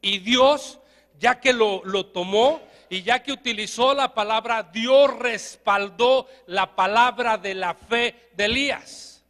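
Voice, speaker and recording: A man with a Mexican accent, a pastor giving a lively, joking sermon and having the congregation repeat phrases after him. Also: extremely high pitch, slow pace, big-room sound. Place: church.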